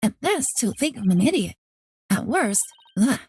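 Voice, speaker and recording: A woman's voice: on the high side, sing-song, unhurried, a little mellow, breathy edge, heavily acted. A woman reading a fretful young lawyer. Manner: fretful, self-doubting. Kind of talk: reading game dialogue aloud.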